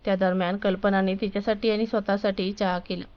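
Smooth-voiced woman narrating a story. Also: medium pitch, brisk. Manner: gentle, steady reading, voices characters lightly. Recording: dull lo-fi recording.

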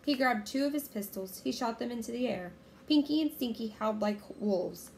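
A woman reading a children's chapter book aloud in a clear, steady storytelling manner. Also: on the high side, normal speed, slight background noise.

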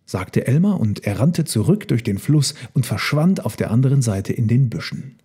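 A man narrating a children's storybook in a calm, even storytelling manner. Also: mid-range voice, moderate pace, slightly rough.

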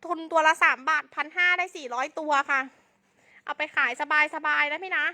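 Woman, very high pitch, bright forceful voice, live-stream seller, fast hype pitch, insistent repetition. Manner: insistent, repetitive sales patter.

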